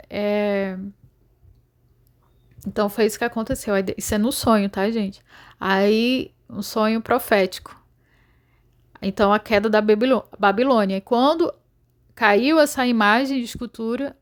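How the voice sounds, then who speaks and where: Earnest woman recounting dreams. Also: mid-range voice. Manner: earnest, rambling with many fillers. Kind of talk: casual testimony.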